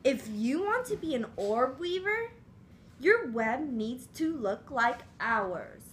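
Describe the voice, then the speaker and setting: A woman's voice: high-pitched, sing-song, slow pace, a little hiss or hum, exaggerated voice. A woman voicing disapproving, conformist spider siblings as she reads a picture book aloud to young children. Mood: disapproving, firm.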